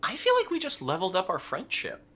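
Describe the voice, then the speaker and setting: Brief: man, jokey improv riffing, lively pitch. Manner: playful, riffing, quick with jokes. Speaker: comedy improviser. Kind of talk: improvised comedy.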